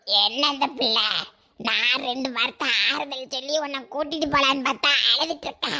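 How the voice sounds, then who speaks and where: A bossy old village grandmother in a cartoon, played by a woman, scolds and bosses. Her voice is squeaky-high yet gravelly, with a crackly roughness. She talks bluntly and impatiently. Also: fairly even intonation, a little fast, bright, forceful tone, exaggerated voice. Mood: scolding chatter.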